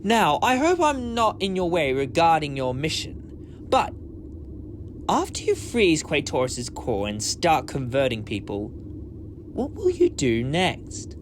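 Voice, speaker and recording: A man's voice: a little high, wildly swooping pitch, slow, background noise, full character voice. A man playing an eccentric, compassionate time-travelling hero in a sci-fi audio drama, talkative and theatrical, given to speeches. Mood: taunting.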